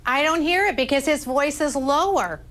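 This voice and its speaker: A woman with a high voice gives expert commentary as a news panel guest. She explains her reading of a recording step by step, with emphasis and rhetorical questions. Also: animated, moderate pace, a bit bright. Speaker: body language expert guest.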